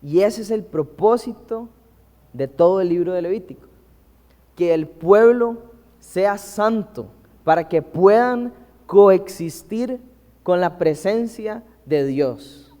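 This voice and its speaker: A man preaching a teaching sermon to a congregation, asking them questions and reading scripture slowly. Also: high voice, animated, warm tone, long reverb tail.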